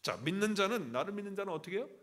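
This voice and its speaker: A man's voice: sits high, very fast. A male pastor preaching a sermon, telling a story with rhetorical questions he answers himself. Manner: animated storytelling preacher, asks and answers his own questions. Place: church.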